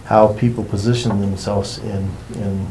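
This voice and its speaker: A man with a fairly low, very mellow and relaxed voice talks as a workshop facilitator. He explains informally and takes his time, wandering from point to point. There is some background noise in the room. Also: measured pace, rough recording. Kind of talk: informal explanatory talk to a group.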